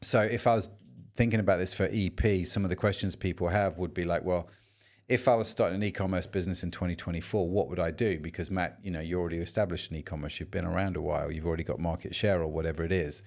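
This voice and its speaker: A man's voice: deep voice, fairly even intonation, quick pace, creaky, few pauses, darkish tone. A man co-hosting a business podcast, talking in a chatty, rambling way and joking around. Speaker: podcast co-host. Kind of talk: casual podcast chat.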